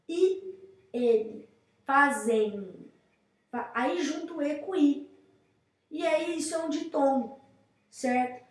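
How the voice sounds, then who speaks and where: A young woman with a high, darkish voice and a Brazilian Portuguese accent presents a grammar lesson in a casual classroom style. She is chatty and checks in often with her viewers, and the room sounds echoey.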